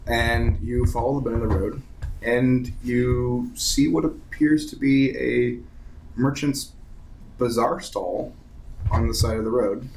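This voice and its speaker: Man, game master, mid-pitched voice, casual narration, faint background noise. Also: steady tone, takes it slowly, gravelly, a little mellow, poor audio.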